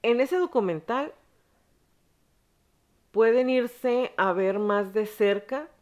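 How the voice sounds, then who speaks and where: A woman's voice: a little high, slow, a little mellow. A woman hosting a podcast, telling a story frankly in casual, slangy conversation with blunt profanity. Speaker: podcast host.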